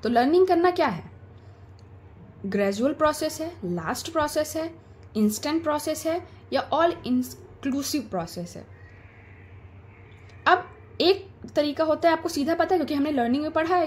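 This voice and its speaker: A woman's voice: high voice, big pitch swings, moderate pace, long pauses, a little mellow, a little hiss or hum. A woman with an Indian accent teaching an exam-prep lesson. She asks questions and then answers them herself. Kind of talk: explanatory lecture.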